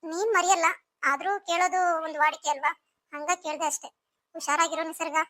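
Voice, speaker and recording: A gentle older sister in a cartoon story, coaxing and soothing, as a woman puts her on. The voice is very high and bright, and she talks fast. It is recorded close and dry. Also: steady tone, no echo. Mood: caring.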